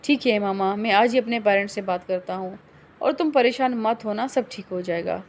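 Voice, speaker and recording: A woman's voice: medium pitch, a little hiss or hum, lightly acted. A woman voicing an earnest young man in an audiobook reading of a novel, speaking in a reassuring way on the phone.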